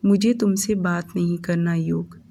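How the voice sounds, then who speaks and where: A woman's voice: on the low side, fairly even intonation, unhurried, gravelly, mellow. A woman voicing a young wife who answers her husband bitterly on a call, in a storybook romance. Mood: angry. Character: young wife, hurt and angry.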